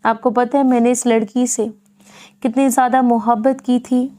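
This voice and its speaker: A gentle young man, read by a woman in an audiobook, sounding wounded and quiet. His lines are soft and plaintive. The pitch sits somewhat high. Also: flat delivery, lightly acted. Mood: subdued.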